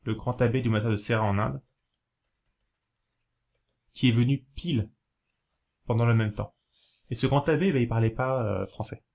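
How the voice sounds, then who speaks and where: A man's voice: medium pitch, creaky, a little mellow. Rambling French man, chatty and hesitant. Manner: rambling, hesitant, many fillers and self-corrections; explains slowly, spelling things out while writing. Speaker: video host giving learning tips. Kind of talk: casual talk to camera.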